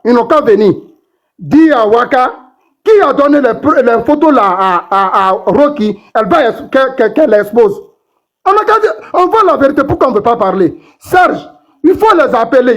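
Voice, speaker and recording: A man on a TikTok live panel giving emphatic, repetitive commentary full of fillers. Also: extremely high pitch.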